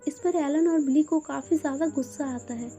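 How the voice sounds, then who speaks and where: A woman narrating a film plot as a steady, scripted recap. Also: high voice, moderate pace. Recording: voice-over with faint background music. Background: faint music.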